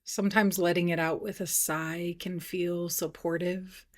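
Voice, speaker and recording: A female meditation teacher guides a practice in a gentle, soft voice, leaving unhurried pauses and sometimes sounding breathy. Her voice is lowish with a level tone.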